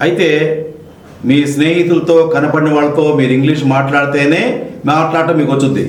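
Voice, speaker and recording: A man with a Telugu accent teaching spoken English, who spells words out slowly letter by letter and repeats each word with its meaning. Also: a little high, echoey room, low-quality recording. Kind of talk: Telugu classroom-style lesson.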